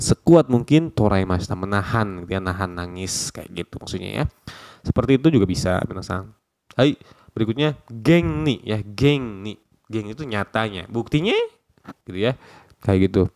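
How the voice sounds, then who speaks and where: A man teaching Japanese in a relaxed, casual online lesson, repeating phrases and dropping slangy asides. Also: on the low side, normal speed, no echo, studio quality.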